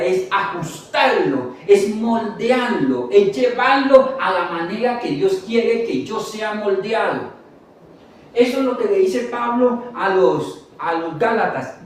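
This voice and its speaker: Animated preacher in an echoing hall. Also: male voice, high voice. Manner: animated preaching with humorous asides to the congregation. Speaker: pastor. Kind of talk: sermon. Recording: echoey hall, mic at a distance.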